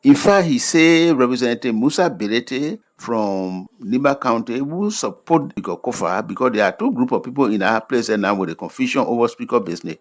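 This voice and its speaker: A male news presenter speaks with a clear Liberian accent at a medium pitch. He narrates in simple colloquial Liberian English, plain-spoken and explanatory, as if telling a story to ordinary listeners. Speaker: news presenter of fact-checks.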